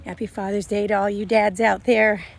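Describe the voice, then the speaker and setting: A woman's voice: mid-range voice, flat delivery, normal speed, vocal fry. A woman in her fifties talking casually while walking outdoors, a little out of breath, rambling with fillers. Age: 50s. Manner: chatty, rambling with fillers and self-corrections. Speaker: vlogger. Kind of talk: casual walk-and-talk vlog. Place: outdoors in a grassy field. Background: faint traffic and a passing airplane.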